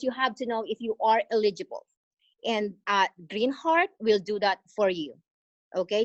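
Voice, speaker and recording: A Filipina woman from the Philippines speaks slowly and earnestly on a video call, her voice a little high and the audio dull but free of echo. She's an exchange teacher sharing her experience in a motivational presentation during an online meeting, sounding encouraging and pausing often with plenty of fillers.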